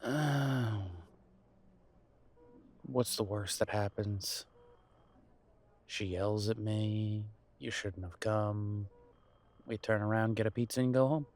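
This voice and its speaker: Fairly low and mostly even in intonation, this actor's voice carries an affectionate, nervous boyfriend character in an audio drama, a grown son visiting his mother. The intimate roleplay feels reassuring yet nervous. He hesitates, halts, sighs, and chuckles softly, offering comfort while seeming uncertain.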